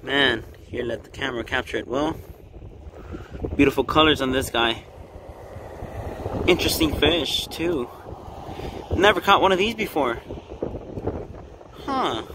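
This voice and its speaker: A young Texan fishing vlogger talks to viewers from a rocky jetty by open water, filmed on a body-worn action camera. His medium-pitched voice is a little slow with frequent pauses, yet upbeat and casual as he calls viewers "guys" and exclaims over each catch. Wind noise and the sound of water fill the background.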